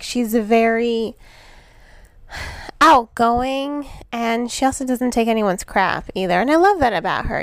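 Woman, 30s, book show host, chatty, enthusiastic, fairly high voice, dry close sound. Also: no echo. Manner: chatty, enthusiastic, many fillers and restarts. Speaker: book reviewer, podcast host. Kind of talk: casual book review.

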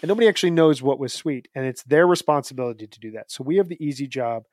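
Excited, rambling male podcast host. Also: mid-range voice, fast, no echo, clean studio sound. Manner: upbeat, rambling, jokey. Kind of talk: casual podcast chat.

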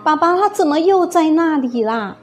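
A woman's voice: high voice, expressive, normal speed, soft background music, pitched above the performer's own voice. A woman voicing a frightened twelve-year-old girl who whines and pleads to her father. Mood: whiny. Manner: whiny, pleading. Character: young girl, about twelve, frightened and clingy.

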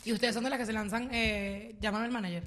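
A young woman with a Venezuelan accent, telling a story in an animated way among friends and laughing often. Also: a little high, quick pace. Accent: Venezuelan Spanish. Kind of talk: casual chat among friends.

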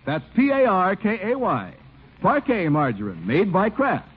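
Old radio announcer guy, pretty high and animated, polished salesy read, faint music behind, thin tinny sound. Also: a little slow, breathy edge. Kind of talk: old radio announcer, scripted show introduction and sponsor message.

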